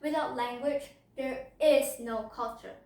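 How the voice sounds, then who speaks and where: This clip features a teen girl from Indonesia, a native Hokkien speaker, delivering a prepared persuasive speech to camera for a speech contest. Her voice is high and a little slow, and she sounds lively, often turning questions on the listener. She is far from the mic, with a roomy echo around her.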